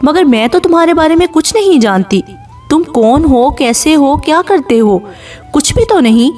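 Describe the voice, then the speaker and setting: A woman's voice: high-pitched, animated, darkish tone, soft background music. A woman voicing a distraught young woman who pleads on the phone, tearful and strained.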